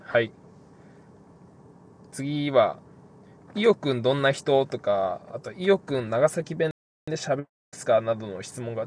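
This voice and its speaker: A man's voice: mid-range voice, a little hiss or hum. A young man hosting a casual podcast and answering listener questions, easygoing and rambling with lots of fillers. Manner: relaxed, rambling, many fillers. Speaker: podcast host, pro basketball player.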